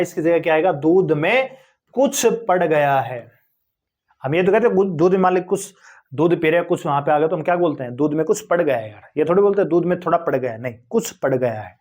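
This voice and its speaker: A man teaching a grammar lesson for exam preparation, walking through each question step by step, asking rhetorical questions and addressing viewers as friends. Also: sits high.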